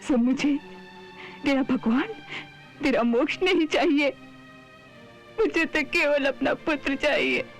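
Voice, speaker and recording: A woman's voice: high-pitched, measured pace, pauses often, soft background music. A grieving devoted mother. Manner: pleading, repeats herself in grief. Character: anguished loving mother of a young god. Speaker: actress in a TV drama. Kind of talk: devotional TV drama acting.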